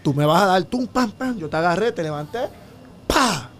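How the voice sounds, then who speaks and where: A man in his thirties from the Dominican Republic, telling his story as a podcast guest in a small studio with his own mic, lively with sound effects. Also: high-pitched. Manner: animated, fast storytelling with sound effects and gestures. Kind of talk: casual storytelling interview. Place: small studio with dark curtains. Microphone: studio mic on boom arm, headphones.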